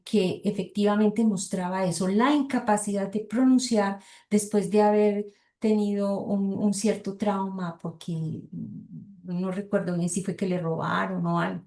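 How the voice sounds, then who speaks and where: A woman's voice: medium pitch, mellow, roomy sound. A middle-aged woman with a Colombian Spanish accent giving an academic lecture, reading passages aloud and thinking aloud with frequent hesitations and rhetorical asides to her listeners.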